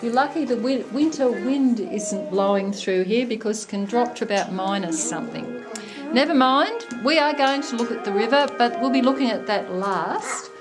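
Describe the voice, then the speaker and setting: An Australian woman leads a tour inside a limestone show cave, recounting its history in a chatty, wry manner. Her slightly high voice is expressive and at normal speed, ringing with cave echo over loud background music.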